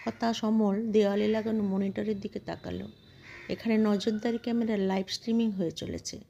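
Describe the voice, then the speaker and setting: A woman reading a short story aloud in a steady, measured narration. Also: medium pitch, gravelly, lo-fi sound, a little hiss or hum. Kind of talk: scripted narration.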